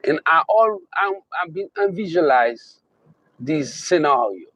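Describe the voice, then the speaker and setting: His voice is a little high and fairly bright, with lively intonation, as this Haitian man gives a motivational talk in his Haitian accent. Emphatic, he keeps repeating key phrases with slow, drawn-out stresses. The audio is poor, with no room sound.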